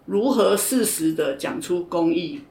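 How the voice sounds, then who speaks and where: A woman's voice: lowish voice, lively intonation, unhurried, vocal fry, mellow. Woman coach, blunt and emphatic, recorded in a roomy space. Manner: frank, emphatic, often repeats herself. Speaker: judo coach and podcast guest. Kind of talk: casual interview chat. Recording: roomy echo.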